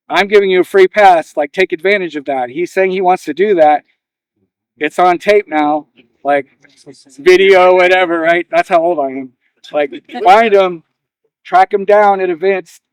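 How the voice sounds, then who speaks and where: A man's voice: on the high side, dry recording, low-quality recording. A man giving an informal, encouraging speech to a gathering in an earnest way. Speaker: ceremony speaker. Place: live gathering, recorded on video.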